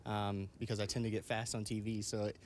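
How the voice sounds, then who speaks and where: A man, an athlete giving a live interview in a halting, modest way. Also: on the low side, flat delivery, a little mellow, a little hiss or hum. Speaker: champion athlete being interviewed.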